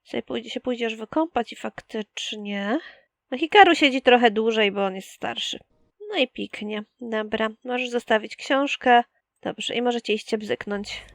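A young woman, a gaming YouTuber, chats casually through a let's play of a life-sim game, teasing the characters and talking straight to them. Her voice is on the high side with vocal fry, at a moderate pace. The sound is clean studio audio with no room sound.

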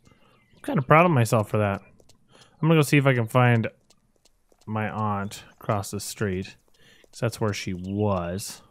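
A man's voice: on the low side, a little slow, long pauses, dry recording. A man hosting a gaming video with casual, jokey commentary, thinking aloud and poking fun at himself.

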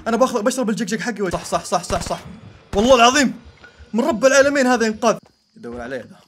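A man's voice: very high-pitched, very animated, rapid-fire, fairly bright tone, slight background noise. A young man giving live gameplay commentary, frantic, yelping and pleading. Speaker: gaming YouTuber.

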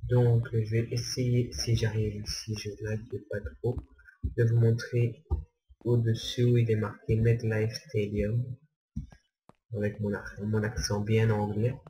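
A man's voice: on the low side, flat delivery, a little slow, dark tone, rough recording. A young man giving rambling, hesitant commentary while playing a game, repeating himself often. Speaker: gamer. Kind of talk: casual gameplay commentary.

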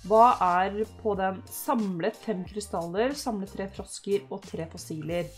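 A young woman from Norway chatting casually through a life-sim game, cheering her sim on loudly at times. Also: medium pitch. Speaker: gaming YouTuber. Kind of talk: casual let's-play commentary. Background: faint game music.

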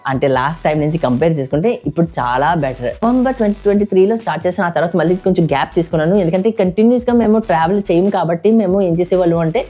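A young man whose first language is English, chatting rapidly to camera as a travel vlogger and often repeating and correcting himself. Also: high voice, dark tone. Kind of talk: casual vlog talk to camera.

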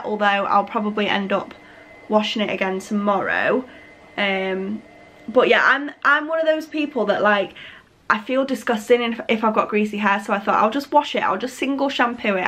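A vlogger in her twenties chats casually to a camera on a tripod in her living room, her mid-range, fairly bright voice slightly husky as she recovers from a cold. She rambles with lots of fillers and restarts.

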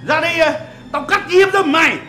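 An actor playing a crude, mocking middle-aged neighbor. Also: male voice, very high voice, fast talker, pushed and bright. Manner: teasing, drawling. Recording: echoey room, music behind.

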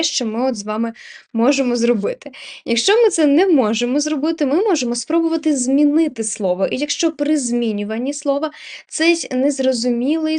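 A woman's voice: sits high, mellow. A woman teacher explaining spelling rules in an exam prep lesson, asking rhetorical questions and giving examples.

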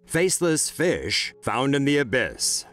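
A man's voice: mid-range voice, big pitch swings, measured pace, fairly bright tone, faint music behind. A man narrating scripted news stories in a wry, playful way.

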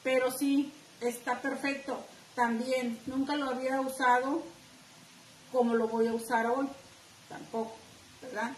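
A middle-aged woman with a northern Mexican accent leads a live craft class from her home, chatty and talking straight to her viewers. Her voice sits high and her pace is unhurried. The room is echoey, with a faint hiss underneath. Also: little pitch movement, distant mic. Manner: chatty, addresses viewers directly. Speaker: craft teacher.

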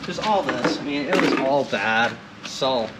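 A man's voice: mid-range voice, a little slow. Young man chatting in a noisy garage. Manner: relaxed, joking, talks while working on the car. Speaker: co-host of a car repair channel. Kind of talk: casual garage chat. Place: home garage with open door. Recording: noisy garage with tool clatter.

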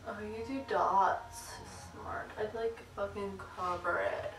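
A young woman co-hosting a casual vlog, loud and teasing, swearing and laughing a lot. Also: mid-range voice, steady tone, slow, creaky, soft background music. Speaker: vlog co-host. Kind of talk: casual tipsy chat. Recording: echoey room, camera mic from a distance, noticeable noise.

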